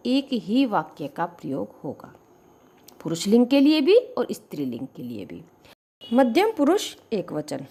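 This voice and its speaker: A woman teacher, slowly explaining Sanskrit grammar and repeating each sentence with its meaning. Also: medium pitch, dark tone. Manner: slow, deliberate, repeats each sentence with its translation.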